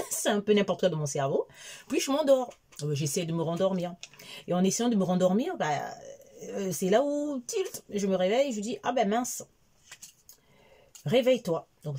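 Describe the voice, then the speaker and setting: A woman in her forties rambling through a casual, confiding diary vlog, full of fillers and asides. Her voice is husky and sits on the low side. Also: big pitch swings, moderate pace, a little mellow. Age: 40s. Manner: chatty, rambling, with many fillers. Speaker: vlogger.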